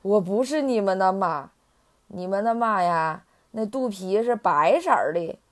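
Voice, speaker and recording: A slow old storybook turtle, as a woman puts it on, speaking calmly and unhurriedly. The voice stays close to the storyteller's own. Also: mid-range voice, lightly acted.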